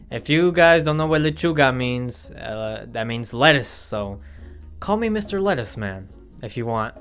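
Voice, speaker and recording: A man's voice: mid-range voice, fairly bright tone. Young man, vlogger, loose rambling delivery, faint guitar music underneath. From Milwaukee, Wisconsin, USA. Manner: rambling, filler-heavy, self-correcting. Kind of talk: casual facts-about-me vlog. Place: indoor room with studio lights. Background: faint background guitar music.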